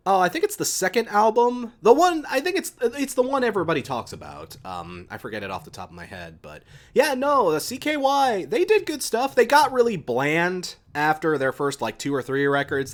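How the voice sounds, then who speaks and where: A man's voice: a little high, very animated, normal speed. A young man chatting casually on a live stream, answering viewers' questions and rambling enthusiastically about music, often restarting his sentences. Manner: rambling, with many restarts and fillers.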